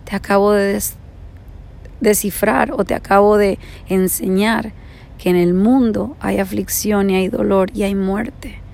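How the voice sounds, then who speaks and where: A woman voicing a serene male Buddhist master who speaks slowly and calmly in a spoken parable. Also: medium pitch, vocal fry. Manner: slow, composed and consoling.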